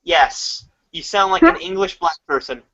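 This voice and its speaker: A man's voice: fairly high pitch, normal speed, fairly bright tone, dry recording. A man in a casual voice chat who teases the others with provocative jokes. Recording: dry, muffled voice chat audio.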